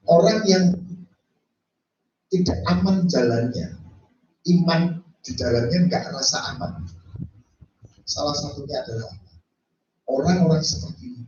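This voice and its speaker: A man preaches a sermon in a church, and his high voice rises and falls through a wide range. He acts out quoted speech and drops English phrases into his talk. He sounds distant and dull, caught in a strongly echoing hall. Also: a little mellow, slight background noise. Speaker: pastor.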